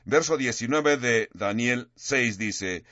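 A man preaching a sermon, reading scripture dramatically and stretching key words slowly for emphasis. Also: mid-range voice, a bit bright, no room sound. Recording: dull lo-fi sound.

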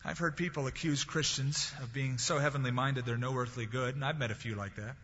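A man's voice: mid-range voice, fairly even intonation, brisk, fairly bright tone, slightly rough. A male pastor preaching a sermon in a conversational way, quoting scripture and telling light anecdotes. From California. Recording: dull recording in a large reverberant hall.

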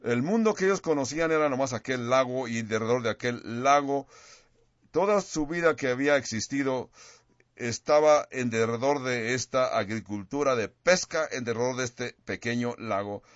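A man's voice: mid-range voice, no room sound, muffled recording. A male pastor preaching a sermon, stressing words and repeating phrases for effect, sometimes restarting a word mid-sentence.

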